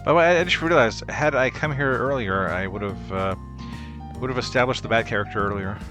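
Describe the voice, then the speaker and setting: A man's voice: mid-range voice, fairly quick, over music. A man in his thirties chatting casually as he streams a video game. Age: 30s. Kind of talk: casual gaming chat.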